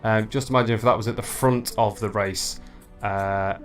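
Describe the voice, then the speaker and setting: A man's voice: on the low side, normal speed, faint music behind. A man hosting a livestream, commentating a virtual bike race in a chatty way and talking to viewers. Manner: excitable, shouts at the finish, chatty with viewers.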